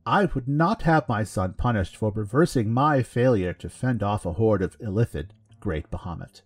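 A man's voice: fairly low pitch, lively intonation, normal speed, slightly rough, dry recording, studio quality. A man voicing a defiant commanding mother. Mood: firm.

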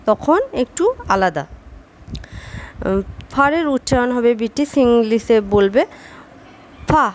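A woman's voice: a little high, a little hiss or hum, low-quality recording. A woman giving a spoken English lesson, patiently drilling word after word. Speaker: English teacher.

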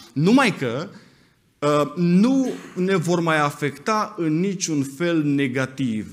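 A man delivering a sermon as a pastor in a church, his voice pitched a little higher than most men's. He preaches with emphasis and speaks straight to the congregation, calling on members of the church by name.

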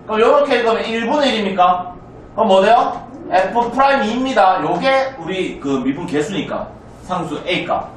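A man's voice: high-pitched, lively intonation, slight background noise. A male math teacher lecturing a class, constantly checking with students whether they follow. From South Korea. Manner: asks students frequent check questions, brisk and chatty. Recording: roomy classroom, mic far off.

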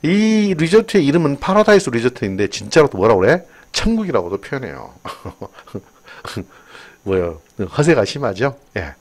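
An older man teaches an exam-prep English lesson in a chatty way, wandering into personal asides. His pitch swings widely from phrase to phrase around a mid-range voice. He talks like a friendly tutor walking students through a test. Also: sing-song, brisk, few pauses.

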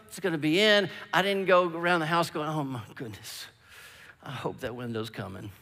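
A pastor in his fifties with a somewhat high, sharp-toned voice preaches emphatically from a large church stage, calling out "come on" and "amen." He's mostly on a headset mic, and the big hall leaves a long reverb.

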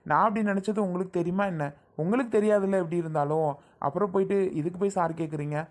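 A patient young groom, voiced by a woman, in an amateur family drama skit. The voice sits low and steady, gently coaxing and insistent. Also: quick pace, natural voice. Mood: gentle. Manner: patient, coaxing, repeats the same point.

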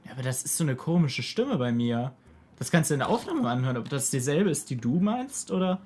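A man's voice: mid-range voice, very animated, fairly quick, darkish tone. Young man in slangy gaming chat. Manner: slangy, blunt. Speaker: let's play gamer. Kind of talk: casual gameplay chat with a friend. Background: game music.

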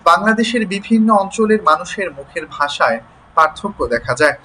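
A man's voice: sits high, animated, pushed and bright, a little hiss or hum, low-quality recording. A man teaching an online class. He explains patiently, spells words out sound by sound, and keeps checking that his students follow. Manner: explains slowly, checks in with "ঠিক আছে?".

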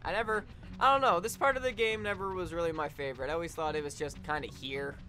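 A young man giving casual, profane gameplay commentary, getting excitable and swearing often as he plays. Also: on the high side, fast. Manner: excitable, swears a lot, yells at the game. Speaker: let's play gamer.

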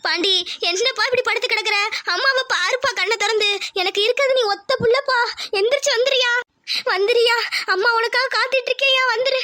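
A grieving village mother in a cartoon, begging and wailing over her son, as a woman voices her. Her voice is pitched up and squeaky, and she talks quickly. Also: pushed and bright, no room sound, clean studio sound.

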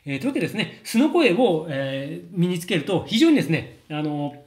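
Chatty guy voice coach, lots of ums and laughs, bouncy pitch, roomy sound. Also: brisk. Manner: chatty, animated, many fillers and laughs. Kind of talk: casual spoken lesson. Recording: roomy echo.

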